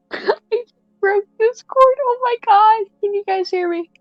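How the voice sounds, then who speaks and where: A woman's voice: very high-pitched, huge pitch swings, extremely slow, no room sound, muffled recording, faint music behind. Woman on a choppy, lagging call. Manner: laughs often between lines. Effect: choppy, lagging bad voice-call connection that breaks up. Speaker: tabletop game player. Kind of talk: casual chat during an online tabletop game. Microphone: online voice call.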